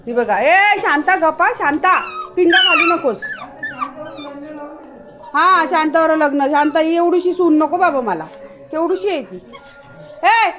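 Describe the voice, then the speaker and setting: A woman's voice: extremely high pitch, wildly swooping pitch, unhurried, long pauses, heavy background noise. A woman vlogging outdoors in light rain, filming on a handheld camera while she coaxes and scolds her dogs. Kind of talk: casual vlog talk. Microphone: handheld camera while walking.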